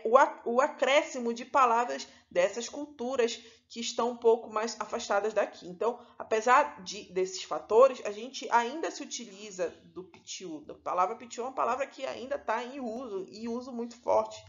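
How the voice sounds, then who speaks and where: A woman teacher with a Paraense Brazilian accent explains a lesson in a slightly high voice. She checks in with "né" and corrects herself as she goes. The recording sounds dull and lo-fi. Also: fairly bright tone. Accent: Paraense Brazilian Portuguese. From Pará, Brazil. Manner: explanatory, with frequent "né" and self-corrections.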